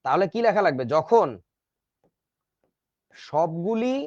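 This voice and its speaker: A man's voice: sits high, expressive, slow, a little mellow, dry recording, muffled recording. A man teaching a chemistry class in a casual, joking way, with speech. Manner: chatty, joking asides to students. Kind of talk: casual online class lecture.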